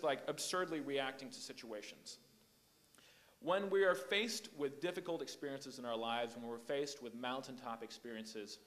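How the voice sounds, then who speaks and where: This youth sermon comes from an invited speaker, a young man who grew up between Hong Kong and the Philippines. He addresses the youth group in a lively, fairly high voice, building his points with emphatic repetition and plenty of animation.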